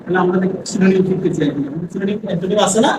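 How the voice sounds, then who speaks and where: A man teaching English to a class, asking the same question again and again for the students to answer together, reading the English sentences out slowly. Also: sits high, steady tone. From Bangladesh. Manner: drills students with repeated questions. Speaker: English lecturer. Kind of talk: classroom lesson with call-and-response. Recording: echoey classroom from far off, noisy.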